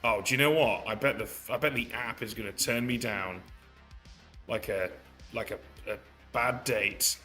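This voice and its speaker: A man talks frankly on a live stream, joking and swearing as he goes, through a handheld device's built-in mic. His voice is very bright and cutting. Uneven auto gain keeps pushing his level up and down. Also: medium pitch, moderate pace, soft background music. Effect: uneven auto gain, level pumping up and down. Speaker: game player on a live stream. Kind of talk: casual chat. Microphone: built-in mic of a handheld gaming device.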